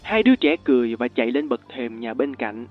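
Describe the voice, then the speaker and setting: A man narrates a first-person suspense story in a measured, steady voice of middling pitch. The audio is tinny and lo-fi, and faint music plays in the background.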